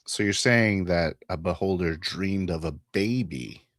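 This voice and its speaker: A man's voice: sits low, unhurried, dry recording. A man co-hosting a casual chat about tabletop games, from the United States, dropping dry, wry asides and short questions. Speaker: podcast co-host.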